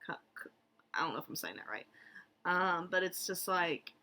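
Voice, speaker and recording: A woman's voice: on the low side, lively intonation, normal speed, creaky, pushed and bright. A woman therapist talking casually in a vlog, rambling with lots of fillers and incredulous asides.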